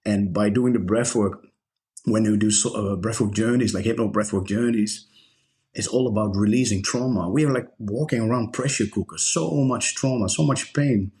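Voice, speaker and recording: A Dutch-born man with a somewhat low voice talks earnestly about breathwork in a relaxed podcast conversation. He trips over his words and restarts his sentences often, while he carries on with a sincere, steady conviction. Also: moderate pace. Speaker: guest, breathwork instructor.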